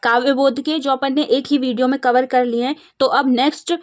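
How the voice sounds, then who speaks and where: Young teacher lady w/ madhya pradesh hindi accent, kinda high voice, steady explaining for exam revision. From India. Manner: steady explaining, slows to recite verse examples.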